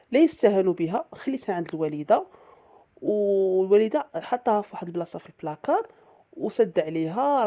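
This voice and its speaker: A woman with a Moroccan accent tells a first-person story at a brisk clip. Her voice is mellow and soft-edged. She talks in a chatty way, full of fillers and quick restarts. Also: medium pitch.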